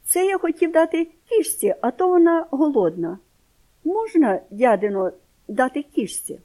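A woman voicing a shy, proud small village boy, speaking higher and more eagerly than her narration. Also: expressive, normal speed, warm tone. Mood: pleading.

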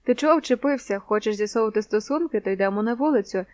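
A woman's voice: mid-range voice, fast, a little mellow, no echo, close to an everyday voice. A woman voicing a defensive, somewhat drunk teenage boy who snaps back, in a storybook reading.

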